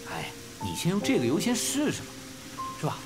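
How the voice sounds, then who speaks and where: A man's voice: fairly high pitch, huge pitch swings, a little fast, over music, rough recording. An actor playing an earnest, placating middle-aged father and cook in a TV drama, coaxing and insistent. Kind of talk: Chinese TV drama acting.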